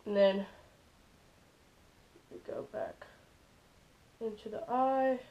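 Speaking slowly with a high, gravelly voice and fairly even intonation, a teen fishing channel host gives a casual how-to in his small bedroom. His talk is loose and heavy on fillers like "like" and "stuff like that," caught on dull lo-fi camera audio.

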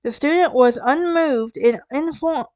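A woman's voice: sits high, unhurried, darkish tone, no room sound, dull audio. A woman with a Southern US accent, narrating a true crime podcast in a conversational way, with wry asides and restarts. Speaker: podcast host.

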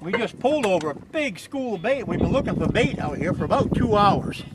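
A man's voice: high voice, very animated, a little fast, very noisy. Folksy older man on a lake. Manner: folksy, chatty, teasing. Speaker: fishing show host. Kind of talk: casual outdoor show commentary. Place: on a boat on a lake outdoors.

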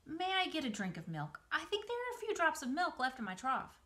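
A woman's voice: high voice, huge pitch swings, a little fast, pushed and bright, voice pushed up, heavily acted. A woman voicing a young pig from a storybook, childlike, affectionate and anxious, with an eager, pleading manner.

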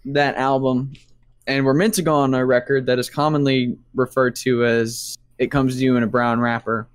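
Casual, rambling male podcast co-host, mid-pitched, dry close sound. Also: flat delivery, moderate pace, clean tone, dry recording. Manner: rambling, cursing, laughs mid-sentence. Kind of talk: casual album review chat.

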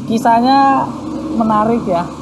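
A man hosting a religious TV interview, speaking in a measured way and steering toward a break. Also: very high voice. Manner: measured, with frequent brief acknowledgments. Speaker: TV talk show host. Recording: loud background noise.

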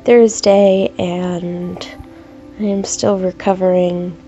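A young woman and art YouTuber chats casually at her desk at home while drawing, with the camera positioned over her paper. Her voice is low-ish, level, slow and warm, stuffed up from a cold, and she speaks hesitantly with many ums. The audio has its highs cut off and soft music plays in the background.

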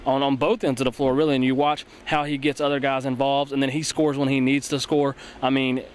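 A young man runs through post-game analysis at a rapid clip, earnest and full of restarts. He speaks into a handheld mic in an empty arena. Faint ambience hums behind him. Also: mid-range voice, little pitch movement, slight background noise. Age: young adult. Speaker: sports broadcaster co-host. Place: empty indoor basketball arena. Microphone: handheld mic held by co-host.

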